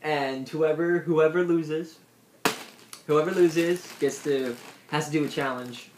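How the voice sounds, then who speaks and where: A man's voice: fairly high pitch, fairly even intonation, slow pace. Young male vlog host, casual and conversational, echoey small-room sound with some noise. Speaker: host of a video channel. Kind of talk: casual chat. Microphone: tablet at arm's length. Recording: roomy echo, noisy tablet microphone.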